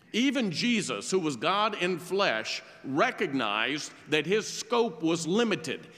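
A man preaching a sermon in a church, telling a story in a measured, earnest way. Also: a little high, fairly bright tone, long reverb tail. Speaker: pastor. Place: church sanctuary.

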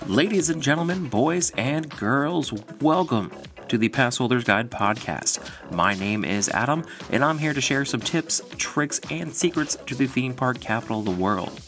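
A man's voice: mid-range voice, animated, moderate pace, music in the background. A man from Florida with an American accent, introducing a podcast as host in a showman's ringmaster announcing manner. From Florida, USA.

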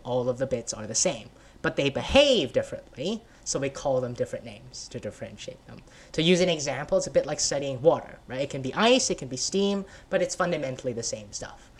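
A man's voice: mid-range voice, breathy edge. A man voicing a patient male scientist in a children's story he reads aloud, explaining how the world is built, with many "right?" and "sort of" fillers.

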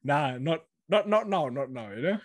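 A young man hosts a casual podcast chat, rambling, stumbling over repeated words and staying upbeat. His voice sits a little high for a man. The sound is dry and close, with no room echo. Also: lively intonation, moderate pace. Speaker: podcast host.

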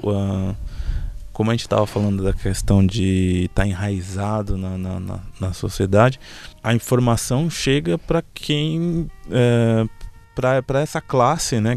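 Low-voiced São man, searching. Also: gravelly, a little mellow. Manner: searching for words, repeats himself. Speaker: panel guest. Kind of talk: casual discussion.

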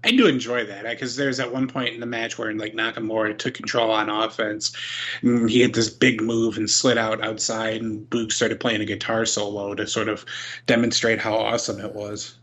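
A man with a fairly low voice recaps wrestling shows as a podcast co-host. He talks loosely, with plenty of fillers, and laughs often. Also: flat delivery, moderate pace, fairly bright tone. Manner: chatty, laughing, filler-heavy storytelling. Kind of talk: casual chat.

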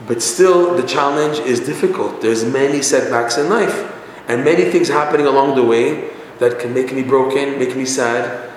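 A man's voice: medium pitch, normal speed. A man teaching a religious lesson through a story, conversational with frequent restarts. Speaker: Torah teacher. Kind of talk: storytelling sermon. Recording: echoey hall, faint noise.

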